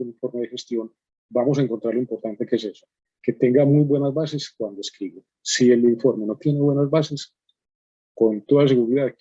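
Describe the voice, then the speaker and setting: Man teaching a writing workshop, mellow and husky. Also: medium pitch, no room sound, dull audio. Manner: explanatory, frequent "¿cierto?" and fillers. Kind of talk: online workshop lecture.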